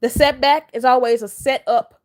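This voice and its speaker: Casting note: woman, spiritual coach, casual monologue, earnest and rambling, fairly high voice. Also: fairly even intonation, moderate pace. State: close to tears. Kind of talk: casual heartfelt monologue to camera.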